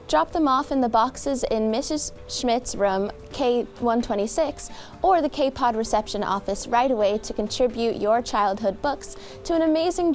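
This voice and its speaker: A teenage girl brightly reading scripted school announcements as a student announcer. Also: on the high side. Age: teens.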